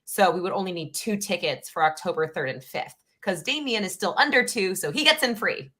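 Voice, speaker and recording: A woman's voice: on the low side, lively intonation, fairly quick, sharp tone. A young woman co-hosting a podcast, chatty and matter-of-fact in casual conversation. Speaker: podcast co-host. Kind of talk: casual chat.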